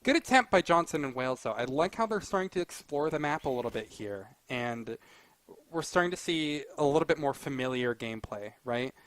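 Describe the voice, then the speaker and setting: A man doing live play-by-play as an esports caster, excitable and conversational. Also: medium pitch, fairly quick, no room sound, poor audio.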